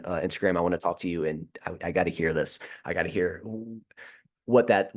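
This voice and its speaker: A man hosting a solo question-and-answer podcast, talking off the cuff, often restarting and repeating words, and pushing harder on his main points. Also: sits low.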